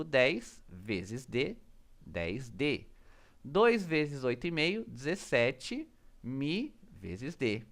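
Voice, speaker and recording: A physics teacher talks through a solved problem one step at a time. His pitch moves around a lot as he reads out each calculation. The delivery is methodical, term by term. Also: a bit bright. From Brazil. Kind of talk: step-by-step worked-problem explanation.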